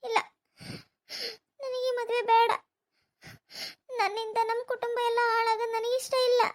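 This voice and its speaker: Woman voicing a young cartoon bride-to-be, very high thin voice, flat even delivery, worried monologue to herself. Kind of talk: cartoon voice acting.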